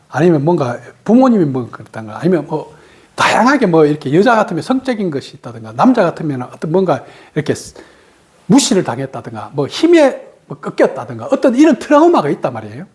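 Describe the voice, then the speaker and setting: Lively woman meditation teacher. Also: low voice, fast talker. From Gyeongsang region, Korea. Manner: lively, asks rhetorical questions and answers them; laughs between points. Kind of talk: meditation dharma talk.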